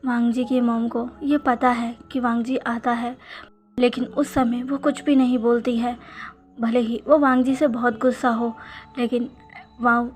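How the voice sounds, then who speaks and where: Female storyteller, high pitch, calm narration with a few restarts. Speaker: fan fiction storyteller. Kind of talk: storytelling narration of fan fiction.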